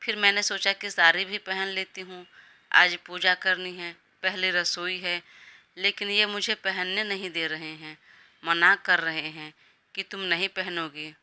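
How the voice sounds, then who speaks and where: A woman's voice: fairly low pitch, level tone, measured pace, pushed and bright, clean tone. A woman voicing a defiant young bride who complains and schemes against her husband. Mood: whining.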